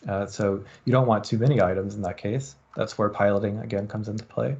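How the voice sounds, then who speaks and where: A man with a low voice gives a university lecture in a loose, thinking-aloud way, filling his pauses with ums. The recording is dull and lo-fi. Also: fairly even intonation, a little mellow. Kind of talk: university lecture on experiment design.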